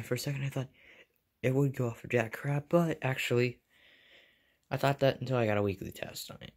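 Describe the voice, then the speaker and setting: A young American man with a medium-pitched voice talks viewers through a hobby casually, in short, plain, offhand phrases. It's a show-and-tell recorded on a handheld phone behind the camera, indoors in a small carpeted bedroom.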